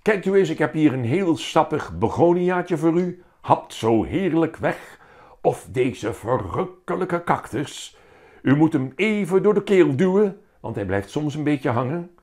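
Guy voicing a playful schoolboy, eager and hammy, higher voice, lots of swoops. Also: lively intonation, unhurried, a little mellow. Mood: hamming it up. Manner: eager, exaggerated salesman patter. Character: playful boy pupil who loves acting.

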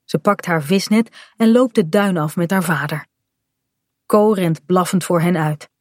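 Slow, gentle woman reading a children's story. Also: lowish voice, no room sound, studio quality. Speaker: storybook reader.

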